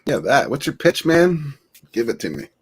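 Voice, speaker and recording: A man's voice: medium pitch, big pitch swings, moderate pace, slightly rough. A man hosting a casual podcast chat, upbeat and joking, laughing often. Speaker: podcast host.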